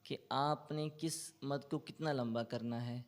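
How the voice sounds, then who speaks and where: Answering an interviewer's questions, this man tutors in Quran and walks through tajweed with patience, speaking with a Pakistani Urdu accent and dropping in English loanwords. He has a steady, medium-pitched tone and chants recitations slowly and melodically.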